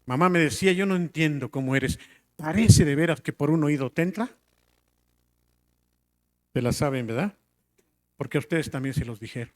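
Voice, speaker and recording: Emphatic middle-aged male preacher, high voice. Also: normal speed, long pauses. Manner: swings between loud emphatic lines and quiet drops; rhetorical questions to the congregation. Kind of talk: sermon.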